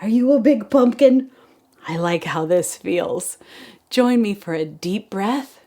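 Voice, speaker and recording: Woman, kindergarten teacher voice, very animated intonation, unhurried, encouraging, circle-time lesson for small children. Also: mid-range voice.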